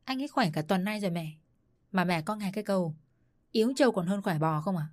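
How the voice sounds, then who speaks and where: A woman's voice: mid-range voice, expressive, fast talker, a little mellow, natural voice. Woman playing a coolly defiant young wife. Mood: reasoning. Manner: cool and curt. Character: defiant calm young daughter-in-law.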